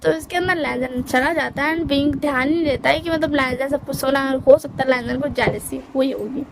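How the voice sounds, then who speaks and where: A woman's voice: high-pitched, fairly even intonation, normal speed, a little hiss or hum. A woman casually retelling a romance story, rambling and self-correcting as she goes. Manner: rambling, many fillers and restarts.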